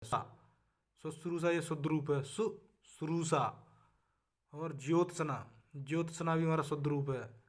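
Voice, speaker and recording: A man with a Hindi accent leads a spelling lesson for exam preparation in a fairly high voice. He repeats each word as a drill, and his voice often drops away at the end of a line. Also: fairly even intonation, normal speed. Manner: drills words, often trails off softly at line ends. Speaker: exam-prep teacher.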